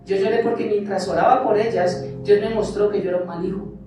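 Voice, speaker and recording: A male pastor with a high-pitched, brisk voice and fairly even intonation preaches a sermon in a church sanctuary, sharing his own testimony and asking the congregation rhetorical questions. The recording is echoey, made from a far mic in the church hall, with music playing behind him.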